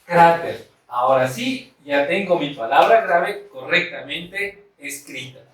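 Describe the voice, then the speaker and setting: A man teaching a grammar lesson at a board, speaking slowly and deliberately and repeating the key points. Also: on the high side, expressive, a bit bright. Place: room with a board. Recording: echoey room, mic far off.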